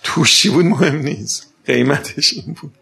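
Gravelly man lecturing with rhetorical questions. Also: a little high. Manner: rhetorical questions and lively anecdotes. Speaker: speaker giving a talk. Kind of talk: conversational lecture.

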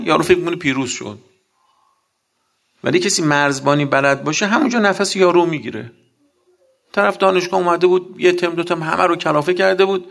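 Gravelly guy preaching, blunt and combative, tells stories and does the back-and-forth himself, voice a bit on the high side. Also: fairly bright tone. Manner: blunt, combative storytelling with acted dialogue. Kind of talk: sermon with anecdotes.

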